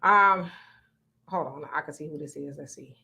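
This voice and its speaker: This woman's voice sits low and is gravelly, yet it comes across pushed and bright at a moderate pace. As a livestream host, she reads out viewer comments in a frank, playful, casual chat.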